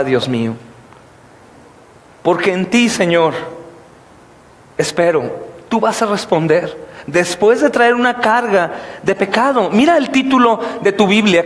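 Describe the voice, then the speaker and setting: Male pastor, high-pitched, animated sermon delivery with sudden shouts, long church reverb. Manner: animated, swings between hushed asides and shouted outbursts. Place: church hall.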